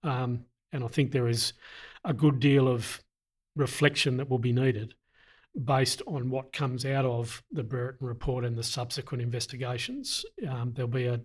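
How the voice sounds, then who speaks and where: A middle-aged man, an army veteran, answering interview questions in a deliberate, earnest way with frequent pauses. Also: medium pitch, fairly even intonation, husky. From Australia.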